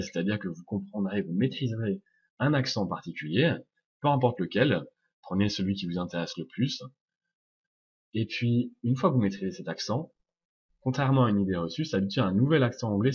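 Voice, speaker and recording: A young man, a native French speaker, teaches English pronunciation in a video lesson, explaining step by step and repeating sounds slowly. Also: lowish voice, lively intonation, slightly rough. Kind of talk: video lesson answering viewer questions. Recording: dull lo-fi sound.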